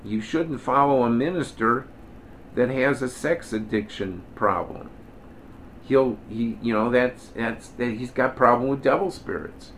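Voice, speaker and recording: An older man gives a conversational sermon in a mid-pitched voice, plain-spoken and folksy, with a faint hiss of noise behind him. His delivery swells when he acts out quoted speech. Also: measured pace, fairly bright tone. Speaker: minister.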